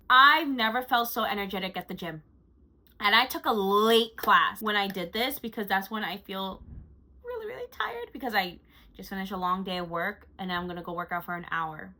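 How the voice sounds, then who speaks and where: A woman's voice: medium pitch, sharp tone, poor audio. A woman vlogger chatting casually through a monthly recap, gushing and chatty with frequent fillers. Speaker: lifestyle vlogger.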